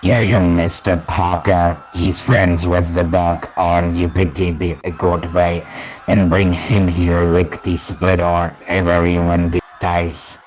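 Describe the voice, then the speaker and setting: Man playing Green Goblin, deep, slow, taunting. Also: little pitch movement, slight background noise, poor audio. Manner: taunting, theatrical. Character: sadistic, mocking male comic-book supervillain goblin. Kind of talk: comic dub voice acting.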